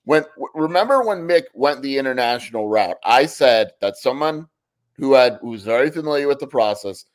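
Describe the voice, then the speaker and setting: A man's voice: medium pitch, animated, normal speed. A man co-hosting a sports podcast in casual chat, pressing his opinions and leaning on "like" as he argues. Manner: opinionated, argues points with repeated "like". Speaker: podcast co-host.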